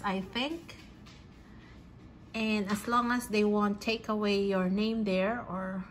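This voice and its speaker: A woman casually unboxing sunglasses at home, chatty and excited with lots of fillers. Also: mid-range voice, a little hiss or hum, low-quality recording. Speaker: vlogger. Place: home kitchen.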